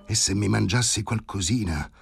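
A man voicing a resentful male stray dog, muttering his sulky thoughts in a low voice. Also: normal speed, creaky, faint music behind.

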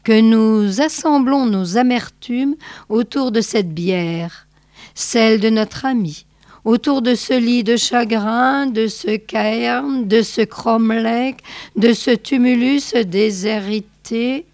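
A woman's voice: fairly high pitch, slow, darkish tone, dry recording, studio quality. Woman doing a pompous old Central European orator. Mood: solemn. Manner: grandiloquent, declaiming.

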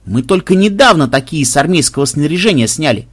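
A man reading an audiobook and voicing a gruff, grumbling man who commands a squad. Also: on the high side, expressive, brisk.

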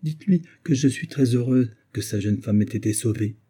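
A man voicing an older, fussy, motherly gentlewoman who talks in an effusive, doting way. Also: medium pitch, moderate pace, breathy edge, lightly acted.

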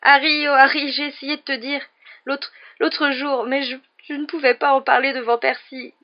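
A woman's voice: sits high, level tone, normal speed, lo-fi sound, pitched above the performer's own voice, lightly acted. A woman voicing a sobbing, frightened young girl who pleads through her tears. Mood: tearful, pleading. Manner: tearful, pleading, breathless.

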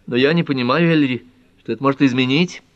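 A man's voice: medium pitch, quick pace, no echo, lo-fi sound, voice pushed up, natural voice. A man voicing a young woman with a trembling, pleading voice. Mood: shaky pleading.

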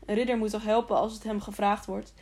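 A woman's voice: medium pitch, flat delivery, fast talker, a little mellow, husky. A woman reading an urgent old hooded stranger. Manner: urgent, pleading. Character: mysterious old man in a hooded robe, urgent.

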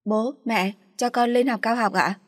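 A woman's voice: on the high side, fairly even intonation, unhurried, long reverb tail, pitched above the performer's own voice. Woman voicing a meek, polite young daughter. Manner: polite, soft and submissive.

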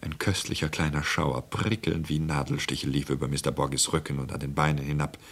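A man narrating a radio drama in a measured storytelling manner. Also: a bass voice, fairly even intonation, a bit bright, slightly rough.

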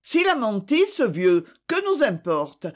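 Petulant proud young woman, spiteful, voice jumps up high, as a reader puts her on. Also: wildly swooping pitch, takes it slowly. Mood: triumphant. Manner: petulant, triumphant.

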